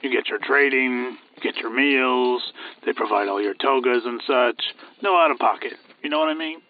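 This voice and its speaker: A man's voice: mid-range voice, normal speed, dry recording, close to an everyday voice. A man doing a chatty Roman soldier. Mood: breezy. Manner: breezy, chatty. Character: cheerful casual Roman soldier, young man. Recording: tinny phone-like sound.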